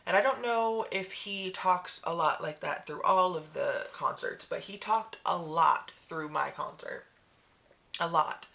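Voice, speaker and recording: A woman vlogger chatting casually in a rambling, excitable way with many fillers. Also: lowish voice, a little slow, gravelly. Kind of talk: casual chat.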